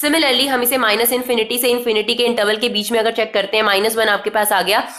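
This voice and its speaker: A woman's voice: fairly high pitch, steady tone, fast, fairly bright tone. A woman teaching a math lesson step by step, mixing Indian-accented English into Hindi and answering her own questions. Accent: Indian English mixed into Hindi. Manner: patient, asks questions then answers them.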